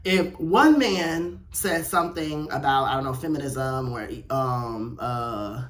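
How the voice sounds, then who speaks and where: Slowly and in a mid-range voice that's a bit bright, a young man reads out loud and reacts during casual solo commentary for his own video channel. He's blunt, slangy and opinionated, and there's a little hiss or hum in the audio.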